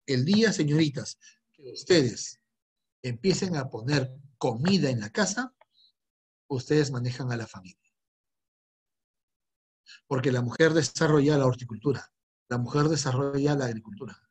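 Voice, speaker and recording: A man's voice: medium pitch, lively intonation, normal speed, pauses often, darkish tone, breathy edge. A middle-aged man, teaching an online history class and teasing and scolding his students with jokes.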